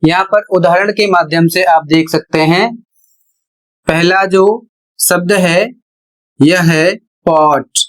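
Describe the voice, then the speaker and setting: Male teacher, unhurried pace, patient step-by-step explainer who draws out each key sound. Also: high voice, steady tone, fairly bright tone, rough recording. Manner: deliberate, repeats phrases, stretches key sounds. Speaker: English pronunciation teacher. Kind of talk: slow explanatory lesson.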